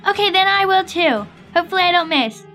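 A young adult woman acting out a playful improvised story while gaming, hosting with simple, expressive narration over music. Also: extremely high pitch, fast talker. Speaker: gaming video host and player. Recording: music behind the voice.

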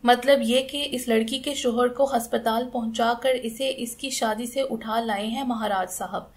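A woman's voice: a little high, fairly even intonation, unhurried, close to an everyday voice. A woman reading as a distressed young woman. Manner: distressed, pleading. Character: frightened upset young woman.

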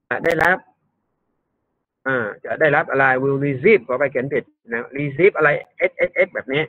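Slow-talking man teaching English grammar. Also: a little high, dry recording. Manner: slow, repeats words, explains step by step. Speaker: university English tutor. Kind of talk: online grammar lesson. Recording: thin phone-like dry sound.

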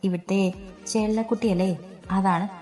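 A woman's voice: medium pitch, steady tone, moderate pace, warm tone, faint music behind, close to an everyday voice. A woman reading as a fond, scolding aunt. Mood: chiding. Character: fond, chiding aunt at home.

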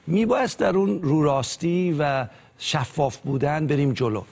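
Earnest young man with a gravelly voice. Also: fairly high pitch, a little mellow. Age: 20s. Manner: earnest, hesitant with fillers.

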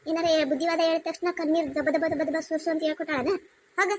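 Cartoon, woman voicing a bossy mother-in-law, North Karnataka Kannada accent, very high voice, fast scolding. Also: steady tone, a little hiss or hum. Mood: mocking. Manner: scolding, commanding.

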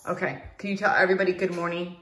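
A young mother at home, patiently and gently asking her small child questions. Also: fairly low pitch, little pitch movement, racing. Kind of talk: casual chat with a young child. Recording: echoey room.

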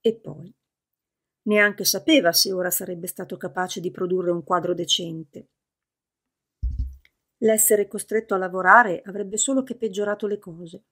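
A woman narrating a novel as an audiobook in a steady, measured reading. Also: medium pitch, husky.

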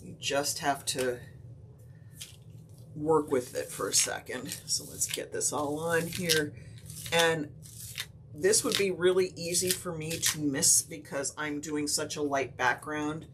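A woman teaching a craft technique on a live stream, explaining each step in a relaxed, chatty way with lots of fillers and short hiccups. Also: low-pitched, slow pace, background noise. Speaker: craft instructor.

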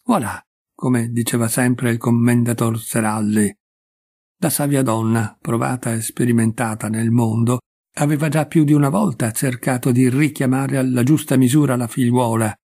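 A man reading a classic short story aloud in a measured, expressive narration. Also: medium pitch. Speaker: audiobook reader. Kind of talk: literary narration.

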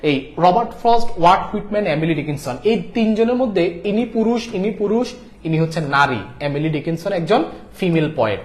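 Man, high voice, repetitive drilling lecture, echoey room. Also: expressive, brisk. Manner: repetitive, drilling key facts. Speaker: teacher. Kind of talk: exam-prep lecture.

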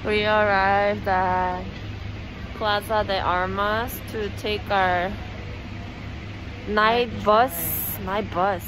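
A woman talking through a face mask, narrating her travel vlog in an unhurried, thinking-aloud way. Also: mid-range voice, fairly even intonation. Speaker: travel vlogger. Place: bus station and night bus journey. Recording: clear vehicle and street noise behind.

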